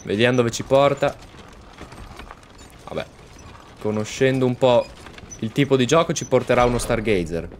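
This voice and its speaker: A man hosting a let's-play, excitedly commenting on his game and chatting to viewers. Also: mid-range voice, normal speed, pauses often, a little hiss or hum. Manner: excitable, exclaims often, talks to viewers. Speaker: gaming channel host.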